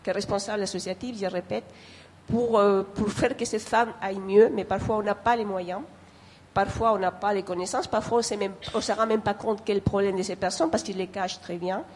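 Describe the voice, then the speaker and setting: Woman w/ foreign accent in french, non-native, earnest and halting, talking at a discussion, bit of room noise. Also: medium pitch, steady tone. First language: not French. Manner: earnest, hesitant, repeats phrases while searching for words. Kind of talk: spontaneous remarks at a public discussion.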